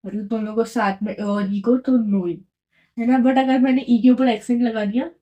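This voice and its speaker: A woman's voice: a little high, mellow. A young woman explaining a language lesson in a casual way, patiently repeating each answer and quizzing her viewers. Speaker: French teacher.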